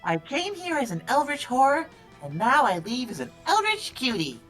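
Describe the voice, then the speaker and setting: A woman's voice: high voice, huge pitch swings, moderate pace, a bit bright, soft background music, heavily acted. A woman voicing a cute, playful eldritch horror girl from a video game. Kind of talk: character voice in a visual novel read-through.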